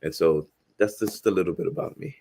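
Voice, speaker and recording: A man's voice: low-pitched, fairly quick, mellow. A man in his forties, from Haiti, talking earnestly and reflectively as a guest in an interview, often restarting his sentences. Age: 40s. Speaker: guest filmmaker and professor. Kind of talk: casual interview conversation.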